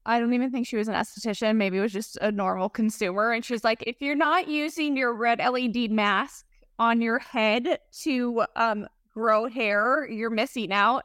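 A woman's voice: fairly high pitch, fairly bright tone, no room sound, clean studio sound. A middle-aged woman talking casually and emphatically as a guest expert in an interview. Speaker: podcast guest, esthetician and company founder.

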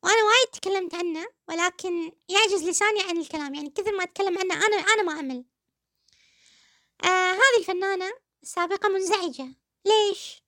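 Kuwaiti woman podcast host, quick, high-pitched, mocking commentary in a dry booth. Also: sharp tone, no echo. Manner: sarcastic, addresses listeners fondly. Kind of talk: satirical commentary.

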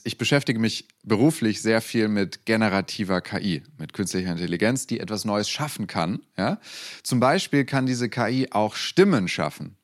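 Lively young pastor preaching. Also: male voice, medium pitch. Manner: lively, conversational storytelling to a congregation. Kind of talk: sermon.

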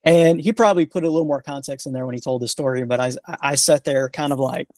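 A retired Army sergeant, a man, being interviewed, telling stories in a relaxed, rambling way full of fillers and restarts. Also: a little high, fast talker, dry recording. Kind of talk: casual storytelling interview.

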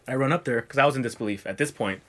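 A young man spins a long ghost story on a podcast, easygoing and loose, swearing freely as he goes. His voice sits at an ordinary middle pitch, relaxed and conversational. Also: rapid-fire. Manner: laid-back, profane, drifts into quoted voices. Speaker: podcast guest. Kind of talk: casual storytelling chat.

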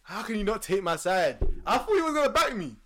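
A man's voice: sits high, big pitch swings, brisk, a bit bright, a little hiss or hum. A man in his early twenties with a London roadman accent, telling stories in casual street slang and repeating phrases for emphasis. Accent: London roadman, multicultural London English. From London, born in or brought from Nigeria. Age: early 20s. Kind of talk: casual chat, animated storytelling.

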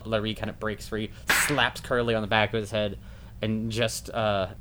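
A man's voice: fairly low pitch, level tone, normal speed, background noise. A man narrating as game master in a casual tabletop session, correcting himself as he goes. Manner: casual, self-correcting, laughs at own jokes.

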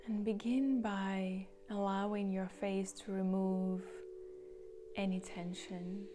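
A woman guiding a grounding meditation, talking softly and slowly, with some words breathed out in a whisper. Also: medium pitch, flat delivery, soft background music. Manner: slow, soft, partly whispered guidance. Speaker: meditation guide. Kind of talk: guided meditation.

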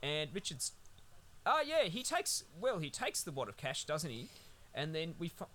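A man's voice: on the high side, huge pitch swings, moderate pace, sharp tone. A man co-hosting a podcast, recapping a film in a rambling, sweary, laid-back way. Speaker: podcast co-host. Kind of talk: casual film-review chat.

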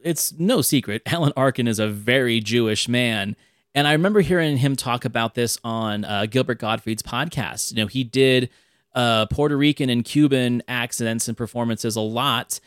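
Here a man hosts a podcast at a moderate pace, his mid-range voice lively as he discusses an old film and occasionally raises it to act out lines. The recording is studio quality, with no room sound.

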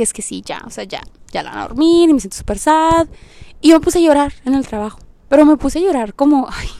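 A young adult woman with a Mexican accent, telling a personal story on her podcast in an expressive, slangy way with English phrases mixed in. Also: mid-range voice, dry recording. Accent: Mexican Spanish. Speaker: podcast host. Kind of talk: casual storytelling monologue.

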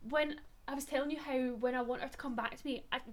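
A young woman co-hosting a podcast, telling stories in a chatty, animated way. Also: high-pitched, quick pace. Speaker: podcast co-host. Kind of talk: casual chat.

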